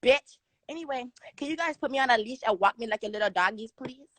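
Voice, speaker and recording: A young woman calling in to a livestream, roasting the hosts in a rapid-fire, profane, mocking rant. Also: on the high side, animated, no echo. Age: young adult. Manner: rapid-fire crude insults, aggressive and mocking. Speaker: caller on a livestream.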